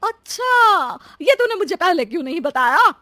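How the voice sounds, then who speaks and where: A woman's voice: very high-pitched, very animated, normal speed, pushed and bright, dry recording, exaggerated voice. A woman voicing a demanding, sly older mother-in-law in a cartoon story, bossy and wheedling. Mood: demanding, baffled.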